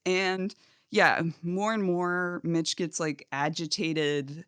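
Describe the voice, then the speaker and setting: Chatty podcast co-host with dry sound. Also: female voice, lowish voice, flat delivery, takes it slowly, a bit bright, smooth, no echo. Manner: laughs often, acts out characters' lines while retelling. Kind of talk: casual recap chat.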